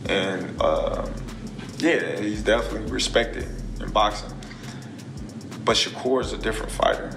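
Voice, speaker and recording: Low gravelly man, casual interview talk. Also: measured pace, pauses often. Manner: loose, chuckling, full of fillers. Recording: echoey room with music under it.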